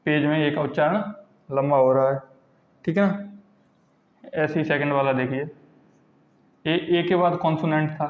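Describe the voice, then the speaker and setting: Male grammar teacher, fairly high voice, drills examples by repetition, roomy classroom sound. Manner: repeats examples slowly, asks and answers his own questions. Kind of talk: classroom lesson explaining pronunciation rules. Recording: echoey lo-fi classroom recording.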